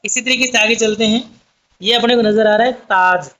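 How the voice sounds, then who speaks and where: Man, high pitched voice, teacher, patient step-by-step explaining, dull lo-fi recording. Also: normal speed, sharp tone. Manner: patient, repetitive explaining, addresses viewers as friends. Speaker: Urdu teacher. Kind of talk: online language lesson. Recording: dull lo-fi sound.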